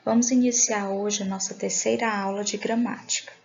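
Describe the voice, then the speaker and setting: A woman's voice: medium pitch, steady tone, normal speed, vocal fry, a little hiss or hum. A woman teaching a grammar class, patiently asking questions and answering them herself. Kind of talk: recorded online class. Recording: dull lo-fi recording.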